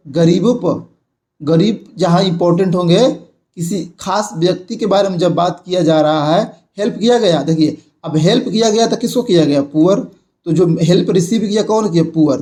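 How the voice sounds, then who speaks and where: A man's voice: sits high, dark tone. A young man explaining a grammar lesson, repeating points and checking in with his viewers. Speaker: grammar teacher.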